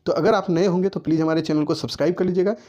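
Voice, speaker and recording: A man's voice: fairly high pitch, steady tone, very fast, dark tone. A man teaching a history lesson for exams, speaking directly to students and checking in again and again with "okay". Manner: repetitive, keeps checking with "ठीक है"; addresses students directly, giving writing instructions. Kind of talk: exam-focused lecture to students.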